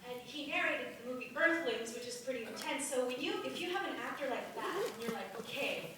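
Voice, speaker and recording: A woman in the audience asks a long question, rambling and building emphasis as she goes. Her voice is high and distant, echoing through a big hall with clear hiss behind it. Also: expressive, brisk. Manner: rambling, growing more emphatic. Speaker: audience member asking a question. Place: large theater hall.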